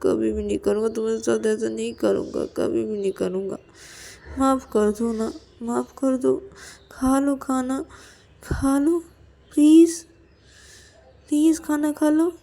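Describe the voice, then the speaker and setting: A woman's voice: a little high, steady tone, a little slow, vocal fry, pauses often, mellow, voice pushed up. A woman voicing an aunty who keeps asking forgiveness and begging someone to eat. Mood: pleading. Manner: pleading, repeats apologies.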